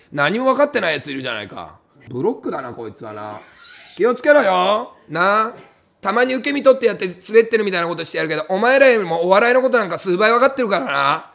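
A man comedian reading viewer comments on a livestream and firing back each one with angry comic retorts, often breaking into loud laughs. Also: creaky. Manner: bursts into loud high laughs. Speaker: comedian streamer.

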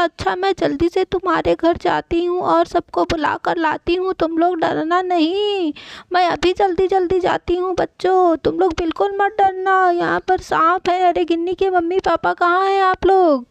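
A woman's voice: very high voice, fairly even intonation, normal speed, vocal fry, no echo. A woman voicing a fussy neighbour aunty in a doll-play story, hurrying to fetch help. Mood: hurried. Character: busy neighbour aunty raising the alarm.

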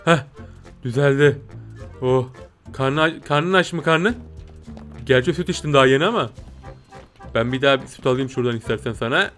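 Excitable young man commenting on gameplay. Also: normal speed, long pauses, soft background music. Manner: excitable, jumps to high squeals and shouts. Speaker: gameplay streamer. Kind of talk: playful game commentary.

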